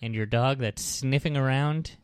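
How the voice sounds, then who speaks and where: Man, podcast co-host, earnest, mock-naive, smooth voice, dry close sound. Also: medium pitch, normal speed, no echo. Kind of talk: casual comedic chat.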